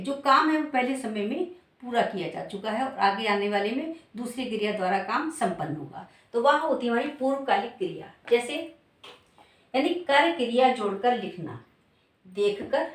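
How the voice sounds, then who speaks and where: A woman teaching a spelling lesson to exam students. She talks slowly, repeats her examples and asks questions that she answers herself. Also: fairly high pitch, expressive. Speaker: Sanskrit and Hindi teacher. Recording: echoey room, voice from a distance.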